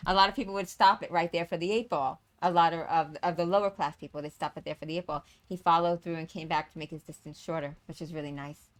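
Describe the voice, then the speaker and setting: A woman with a New York accent hosting a pool stream, speaking haltingly with many restarts over a video call. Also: low-pitched, steady tone. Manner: halting, hesitant, full of restarts. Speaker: tournament host. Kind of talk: casual live commentary.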